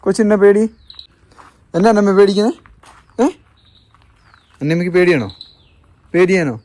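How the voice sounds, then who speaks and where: A woman's voice: mid-range voice, normal speed, warm tone. A woman chatting casually in a home vlog, teasing and coaxing small children outdoors and then inside the house. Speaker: family vlogger.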